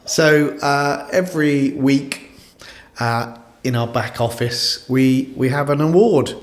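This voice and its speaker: A man's voice: medium pitch, slow pace. A man hosting a casual podcast, chatty and rambling, with lots of fillers and restarts. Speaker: podcast host and company CEO. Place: office studio with a coffee table.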